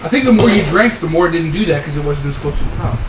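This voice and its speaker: A man co-hosting a podcast, joking loudly and swearing in casual banter with friends, laughing often. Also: a little high, animated, rapid-fire. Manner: loud, crude and profane, laughs often. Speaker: podcast co-host. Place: small room indoors, fan running. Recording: echoey room with background noise.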